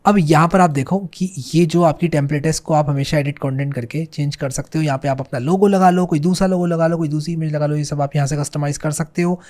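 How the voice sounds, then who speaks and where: A man's voice: a little high, fairly even intonation, a little mellow. Chatty man explaining a tutorial. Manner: chatty, repeats "theek hai" and "bhai", reads on-screen English slowly. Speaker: coding tutorial host. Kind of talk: casual screen-share tutorial.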